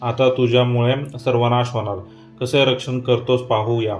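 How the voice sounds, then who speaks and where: A man's voice: mid-range voice, flat delivery, moderate pace, a little mellow, close to an everyday voice. A man reading the lines of alarmed gods calling down from the heavens in a devotional story. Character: chorus of frightened gods calling from the sky.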